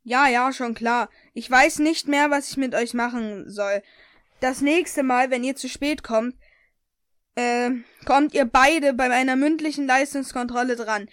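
A woman's voice: high-pitched, a little slow, a bit bright, clean tone, dry recording, studio quality. A woman reading the curt, sarcastic lines of a strict female English teacher in her story.

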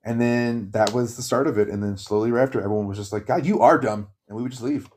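A man telling work stories in casual chat, high and chatty, acting out the people he quotes. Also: steady tone, quick pace, dark tone, slight background noise.

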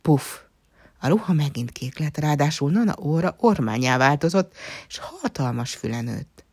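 A woman reading a children's fairy story aloud in a calm, even storytelling manner. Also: low-pitched, slightly rough, no room sound, studio quality.

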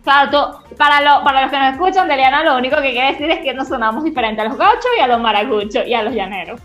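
A young Venezuelan woman co-hosting a podcast, chatting casually and loudly, acting out what other people say to her. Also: high-pitched, fast, highs cut off, faint music behind. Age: young adult. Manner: loud, animated storyteller who acts out quotes. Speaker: podcast co-host. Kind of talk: casual chat.

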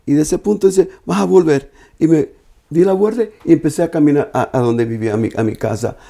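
Man, slightly high voice, earnest and halting, giving an emotional personal testimony. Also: creaky, mellow. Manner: halting, earnest storytelling with repeated restarts. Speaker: speaker sharing a personal testimony.

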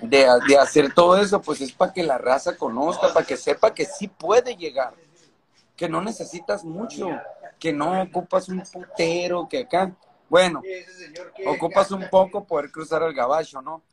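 Casting: man, northern Mexican accent, fairly high voice, casual interviewee talking in sweary street slang and circling back on phrases. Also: moderate pace, crowd noise, rough recording. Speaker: skateboarding event organizer.

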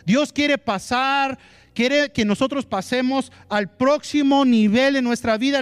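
A male pastor gives an animated sermon, switching into English phrases and acting out what people say. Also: very high voice, smooth, dry recording. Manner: mixes Spanish with English phrases; animated preaching that acts out quotes.

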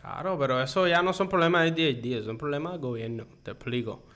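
A man's voice: fairly high pitch, quick pace, a bit bright. A man, a guest in a casual bar chat, teasing the host and laughing along. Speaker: podcast guest.

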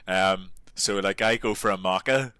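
A man's voice: sits low, moderate pace, bright, forceful tone, clean tone, no echo. A young man with a Northern Irish accent, chatting casually as a podcast guest, filling his talk with "like" and "mate".

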